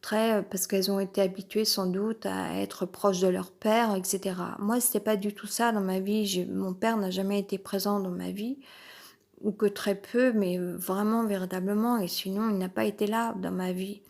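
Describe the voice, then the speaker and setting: Her voice is mid-range, steady and creaky, a little mellow, at normal speed. Stuffed up with a head cold, the woman improvises a hesitant, rambling personal monologue riddled with fillers and restarts, in an uncomfortable place with noise above.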